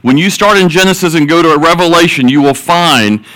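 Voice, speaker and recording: A man with a bright, fairly high voice preaches to his congregation. He eases in with folksy joke stories before turning to scripture, often repeating words as he goes. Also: brisk, poor audio. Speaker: pastor. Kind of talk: sermon with jokes.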